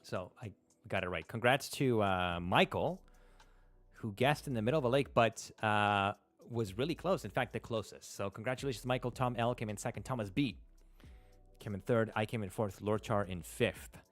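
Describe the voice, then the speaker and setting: A man in his thirties whose first language is Spanish hosts a livestream, commenting casually and hesitantly while he plays, thinking aloud with many fillers and restarts. His voice is lowish, at normal speed, and faint music plays underneath. He's at a desk in a small room, using a close studio mic on a stand.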